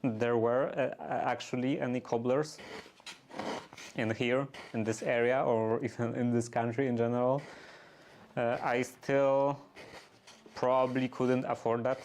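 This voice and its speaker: A man chatting casually and unscripted, halting and often searching for his words. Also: mid-range voice, level tone, darkish tone. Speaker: streamer doing workshop restoration.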